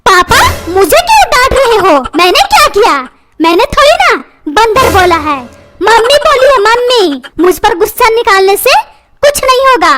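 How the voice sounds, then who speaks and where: A woman's voice: very high voice, big pitch swings, moderate pace. A woman voicing a cheeky, whiny young schoolboy son in a cartoon. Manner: cheeky, whiny, repeats words for effect. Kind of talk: cartoon comedy voice acting. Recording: loud background noise.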